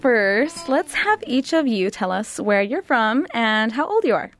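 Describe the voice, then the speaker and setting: A woman's voice: fairly high pitch, very animated, unhurried, soft background music. Eighteen-year-old woman from Chile hosting a studio panel. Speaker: youth panel host. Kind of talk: moderating a panel discussion.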